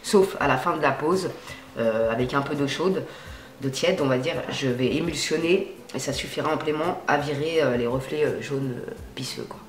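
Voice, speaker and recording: A woman's voice: a bass voice, moderate pace, roomy sound, a little hiss or hum. A woman chatting casually while demonstrating how she dyes her hair, slangy and full of fillers. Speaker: beauty vlogger. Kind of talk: casual hair-dye tutorial chat. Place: home at night.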